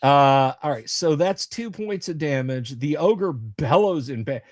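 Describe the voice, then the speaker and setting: Male game master, improvising tabletop narration, unhurried but very animated. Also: fairly high pitch, no room sound, clean studio sound. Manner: playful, theatrical, improvised.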